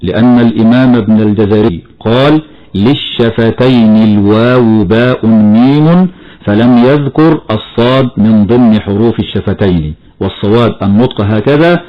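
A man teaching the rules of Quran recitation, explaining steadily and chanting slow example verses. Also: on the low side, dull audio. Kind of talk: tajweed lesson with recited examples.

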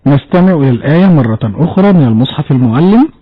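A man's voice: a little high, lively intonation, narrow, tinny audio. A man hosting a broadcast religious program, giving formal prompts to the teacher. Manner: quick, formal prompts to the sheikh. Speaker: program host.

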